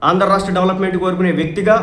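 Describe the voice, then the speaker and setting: A man's voice: high-pitched, level tone, racing, a bit bright, reverberant. A man from Andhra Pradesh delivers emphatic political commentary, arguing with rhetorical questions.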